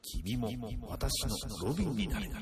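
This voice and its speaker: A man's voice: medium pitch, big pitch swings, unhurried, very noisy. A man voicing a radio operator in a podcast promo, with clipped call-and-response phrasing over a distant radio transmission. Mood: commanding.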